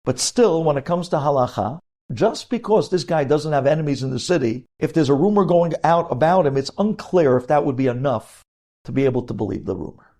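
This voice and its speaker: A man with a slightly high, somewhat dark voice speaks a little fast and expressively. He is a rabbi teaching religious law, explaining with emphasis and asking questions that he goes on to answer himself.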